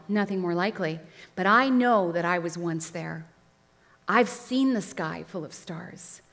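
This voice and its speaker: A woman's voice: lowish voice, close to an everyday voice. A woman voicing a stubborn male marsh creature who talks stoutly and short of breath, recorded in a reverberant hall.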